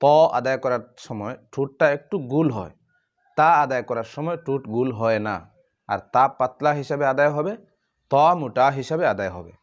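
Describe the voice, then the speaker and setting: A man teaching Quran letter pronunciation, drawing out each letter name slowly and explaining the difference between similar sounds. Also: mid-range voice, lively intonation, lo-fi sound. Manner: slow, drawn-out recitation of letter names.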